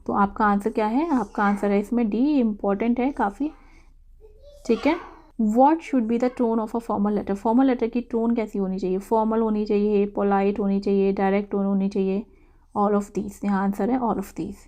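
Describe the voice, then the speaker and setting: An English teacher, a woman, works through exam quiz answers, reading every English question slowly before explaining it in Hindi. Her voice is mid-range and mellow, with a steady tone.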